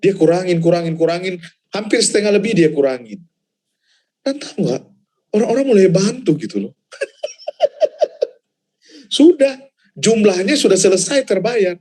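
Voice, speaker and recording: A male pastor tells a personal story in an easygoing, conversational way, his voice sitting a little high. His pitch swings widely as he talks, rising and dropping with each turn. He often doubles or triples words to press a point home. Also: measured pace, long pauses. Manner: animated storytelling, mixes laughter into the telling; repeats words for emphasis. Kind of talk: casual testimony in a church talk.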